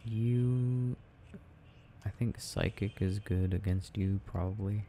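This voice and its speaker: A young man who creates audio roleplays rambles softly and casually while gaming, meant as an ASMR sleep aid. His voice is low and slow with fairly even intonation, over faint background noise.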